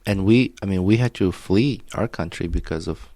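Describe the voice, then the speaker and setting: Deep-voiced man in casual podcast chat. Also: mellow, no echo. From Azerbaijan. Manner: opinionated, halting with restarts. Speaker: podcast co-host.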